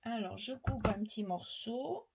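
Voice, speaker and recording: A woman's voice: on the high side, expressive, a little slow, very noisy. A middle-aged woman giving a step-by-step craft demonstration at her worktable, chatting to viewers as she works. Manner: chatty, explains while working, asides to viewers. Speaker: crafting tutorial host.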